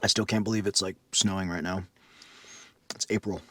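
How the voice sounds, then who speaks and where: A man's voice: sits low, fairly even intonation, a little fast. A man chatting casually to his viewers while he cooks breakfast outdoors at a mountain campsite, vlog style. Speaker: camping vlogger. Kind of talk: casual vlog talk to camera. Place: outdoor mountain campsite, then inside a tent.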